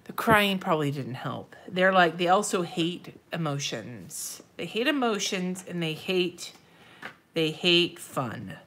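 A woman with a lowish, expressive, slightly bright voice speaks slowly, sounding congested and nasal. Indoors at her desk, she livestreams herself decorating a planner, making casual conversation, talking under her breath, fielding viewer comments and swearing now and again.

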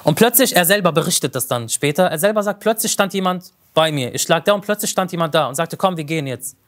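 Male lecturer, high voice, narrative teaching, explains terms as he goes. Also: animated, quick pace, fairly bright tone. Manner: vivid storyteller who explains terms as he goes. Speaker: religious lecturer. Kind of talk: religious lecture with storytelling.

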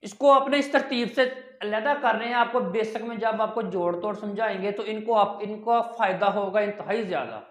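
In an online language lesson with a roomy echo, a teacher with a medium-pitched, fairly bright voice explains step by step. They pose questions and then answer them, counting and repeating items slowly.

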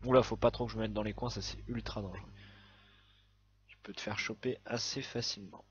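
A man giving a chatty, excitable let's-play commentary on a browser game, swearing often as he plays. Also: on the low side, brisk, slightly rough, lo-fi sound. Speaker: gaming video host.

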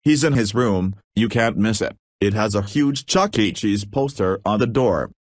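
A man's voice: on the low side, measured pace, dry recording. A synthetic male voice playing an exasperated cartoon father, formal and stilted in delivery. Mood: matter-of-fact. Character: exasperated cartoon father, stern but reassuring. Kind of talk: animated cartoon dialogue.

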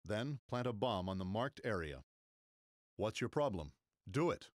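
An actor playing a stern, impatient military commander who gives clipped tutorial orders in a video game. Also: male voice, lowish voice, very animated, measured pace, no room sound, studio quality. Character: stern, impatient male military instructor briefing a trainee. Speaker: mission commander.

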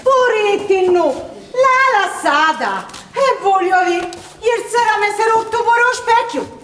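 A woman's voice: very high-pitched, expressive, measured pace, fairly bright tone, full character voice. A woman acting a fussy, dramatic, scolding mother in a dialect stage comedy, with a Macerata accent. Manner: exclamatory, scolding. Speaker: stage actor. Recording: echoey stage, faint noise.

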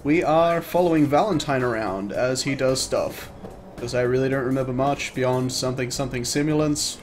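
A man's voice: medium pitch, slight background noise. A man giving casual, joking live-stream commentary while he plays, laughing often. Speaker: let's play streamer.

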